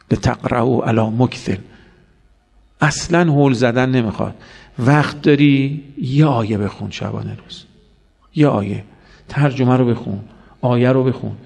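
A man's voice: mid-range voice, gravelly, a little mellow. Man preaching a storytelling sermon. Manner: storytelling with acted quotes and rhetorical questions. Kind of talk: religious sermon.

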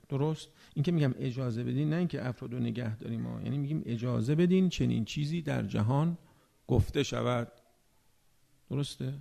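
A man preaching a religious sermon, animated and rhetorical, often asking his listeners whether they agree. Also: a little high, creaky. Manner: animated, acts out everyday speakers.

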